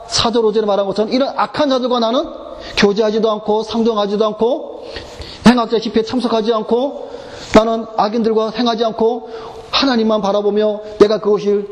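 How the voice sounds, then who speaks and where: A man's voice: high-pitched, in a large hall. A man preaching a sermon as pastor, asking the congregation rhetorical questions. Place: church.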